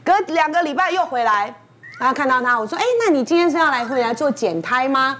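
A woman's voice: high-pitched, fast. A woman guest on a talk show, telling an anecdote and acting out each person's lines. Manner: lively storytelling that acts out dialogue. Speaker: celebrity guest.

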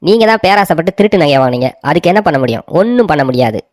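Cartoon crook guy, smug and taunting, fast mouth, kinda low for a lady doing him. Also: animated, noisy background. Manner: mocking, bullying, cocky. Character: sly scheming male village thief. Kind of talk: cartoon voice acting.

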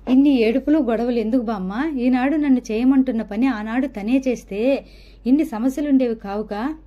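A woman's voice: on the high side, moderate pace, dull audio, close to an everyday voice. A woman reading a troubled young mother. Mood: earnest, troubled.

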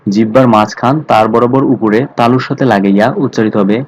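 A man teaching Quran recitation, slowly repeating Arabic letter sounds and explaining where each is made in the throat and mouth. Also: fairly low pitch, fairly even intonation. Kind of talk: slow tutorial on Arabic letter articulation. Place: mosque. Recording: slightly dull lo-fi audio.

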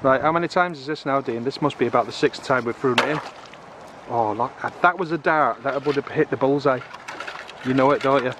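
A middle-aged man chatting excitably to his viewers while magnet fishing outdoors in a river, filmed on a camera. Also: mid-range voice, a little fast, noisy background. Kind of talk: casual outdoor commentary. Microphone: camera on a tripod or handheld.

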